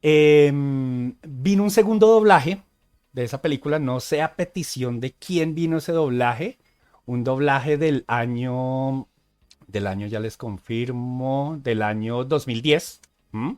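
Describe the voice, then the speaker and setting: A man's voice: mid-range voice, darkish tone, smooth. Chatty man discussing dubbing. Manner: chatty, fills pauses with "eh" and "¿sí?". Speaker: podcast co-host. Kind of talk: casual podcast discussion.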